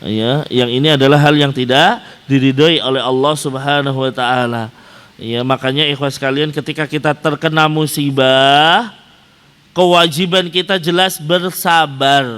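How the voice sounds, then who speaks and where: A male Islamic preacher, giving an animated sermon and asking the audience rhetorical questions. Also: fairly high pitch. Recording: long hall reverb.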